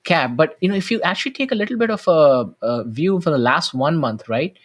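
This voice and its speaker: Halting man correcting himself mid-thought. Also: fairly high pitch, expressive. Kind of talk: casual market chat.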